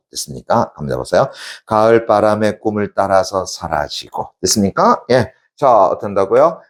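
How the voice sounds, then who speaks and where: A middle-aged man teaching an exam-prep literature lecture. He keeps checking that students follow with quick tag questions, then answers them himself. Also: low-pitched.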